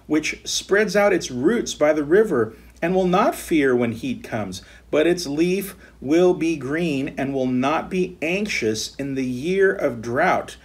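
A middle-aged American man, a pastor teaching Bible study from his home office desk, earnestly reading scripture aloud with slow emphasis. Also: a little high, husky.

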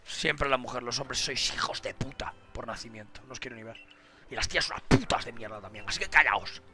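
A young man, streaming live in casual chat, crude and swearing, switching from low muttering to sudden shouting. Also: fairly quick, over loud music.

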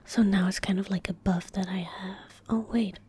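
This young woman, an ASMR gaming streamer, murmurs game commentary in a hushed, breathy whisper at a moderate pace. Her medium pitch holds steady as she speaks softly into a close desk mic in an indoor room, keys clacking and mouse clicking nearby.

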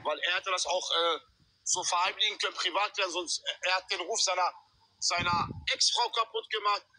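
Calling into the livestream by phone, this middle-aged guest keeps pressing his case in casual slang, repeating himself and swearing oaths. He talks fairly quickly in a high, bright, forceful voice with fairly even intonation. The video-call recording is dry and poor.

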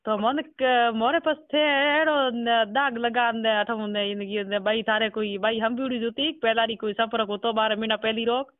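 Speaking in an extremely high, steady voice at a moderate pace with few pauses, a Rajasthani-accented man chats casually over the phone. The recording is tinny and narrow with no room sound, and he asks questions and repeats words back.

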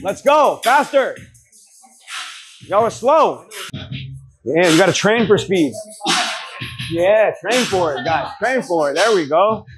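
High-pitched male boxing coach firing up trainees. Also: animated, measured pace, pauses often, music in the background. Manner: motivational, pep-talk coaching, urging and blunt; profane. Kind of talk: hands-on drill instruction to a class. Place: boxing gym during a group class.

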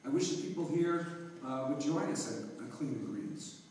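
A man's voice: mid-range voice, lively intonation, moderate pace, darkish tone, slight background noise. A man, a sitting alderman, answering a debate question in a conversational, storytelling way. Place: large hall with stage. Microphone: far phone camera. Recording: echoey hall from far off.

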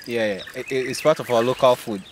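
A calm, mid-pitched Ghanaian man, a maize farmer, explains farming in an interview with brisk, patient clarity, checking that he's understood. He's in an open farm field outdoors, recorded on the host's handheld phone with slight background noise.

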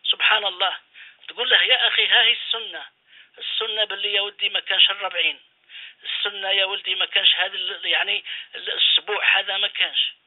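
A man's voice: high-pitched, fairly even intonation, quick pace. A man, an imam, preaching a radio sermon, exhorting his listeners with repeated phrases and rhetorical questions. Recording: phone-line radio call-in.

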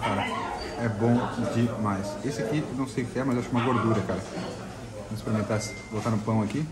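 With a lowish voice and fairly even intonation, a Santa Catarina native talks fast in his casual food vlog. He's a travel vlogger with a southern Brazilian accent, tasting food inside a restaurant, often repeating himself over busy restaurant chatter.

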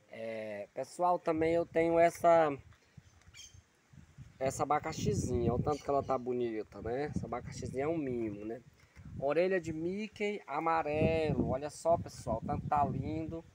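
A man hosting a casual plant tour vlog outdoors, filming on a phone and tagging nearly every phrase with a quick question. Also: a little high. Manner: chatty, repeats "né?" after almost every phrase. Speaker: channel host showing his plants. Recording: loud outdoor noise behind.

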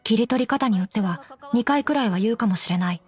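Woman voicing an undead doll girl, totally flat deadpan, higher voice, dry jokes. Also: fast, faint music behind, lightly acted. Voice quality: flat, emotionless delivery. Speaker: commentary co-host. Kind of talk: in-character anime commentary.

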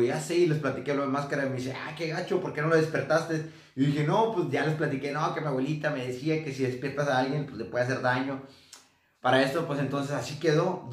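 A man casually telling ghost stories from his travels, acting out what people said. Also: medium pitch. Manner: relaxed anecdotal, acts out quotes. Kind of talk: casual storytelling. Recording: roomy echo.

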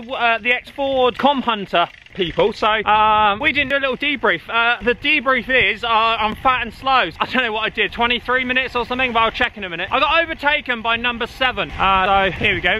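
A man hosting a vlog from a windy hillside road, shouting encouragement at passing riders and joking about himself. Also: very high-pitched, a little fast. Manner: loud cheering, jokey and self-mocking. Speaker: vlogger host. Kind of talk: roadside commentary and banter. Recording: music playing under the voice.

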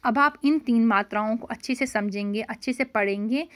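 A woman's voice: on the high side, normal speed. A woman teaching a vocabulary lesson, patiently repeating words and explaining each one with English glosses.

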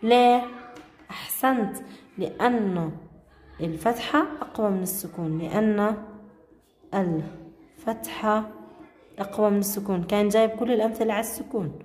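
A woman teacher, quizzing pupils by name and repeating grammar rules slowly. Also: medium pitch, a little mellow, echoey room, big-room sound. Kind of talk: classroom grammar lesson. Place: classroom.

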